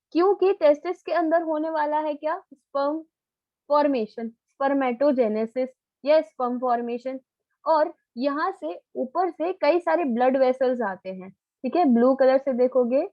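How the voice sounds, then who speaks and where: A woman's voice: high-pitched, no echo, muffled recording. A woman biology teacher giving a live online lecture, coaxing answers out of her students in a familiar, quizzing way.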